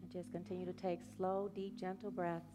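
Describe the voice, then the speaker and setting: A woman minister leading a congregation in prayer and guided meditation, speaking slowly and soothingly. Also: fairly low pitch, level tone. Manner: slow, soothing, gentle. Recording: music playing behind the voice.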